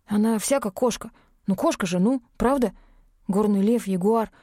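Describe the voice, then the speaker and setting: A woman reading an audiobook, voicing a brash, foul-mouthed young male werewolf twin in a rough, quick voice. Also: medium pitch, warm tone, dry recording, studio quality, lightly acted. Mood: coaxing, urgent.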